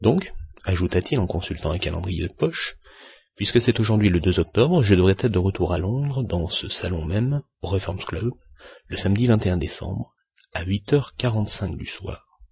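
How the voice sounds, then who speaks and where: A man reads an unflappable gentleman who states everything calmly and precisely. The voice sits low and gravelly, with a husky edge. The sound is close and dry. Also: moderate pace, no room sound, exaggerated voice. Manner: calm, precise, clipped. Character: cool, unflappable English gentleman. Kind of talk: audiobook character reading.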